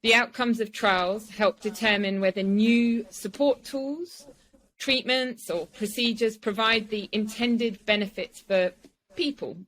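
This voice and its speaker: A woman's voice: on the high side, a little slow, a bit bright, rough recording. A woman hosting a podcast, welcoming and interviewing guests. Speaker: podcast host.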